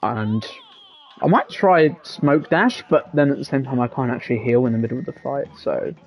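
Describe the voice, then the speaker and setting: A man's voice: medium pitch, lively intonation, normal speed. Chatty man streaming. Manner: chatty, rambling, reads chat aloud, frequent laughs. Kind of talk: casual live-stream chat. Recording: slightly dull lo-fi mic with faint game music.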